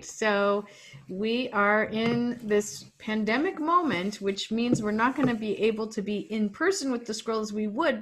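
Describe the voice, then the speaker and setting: A woman leads an online service over a video call, guiding things along in a relaxed, informal way. A faint hiss of noise sits under her voice. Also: mid-range voice. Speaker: service leader.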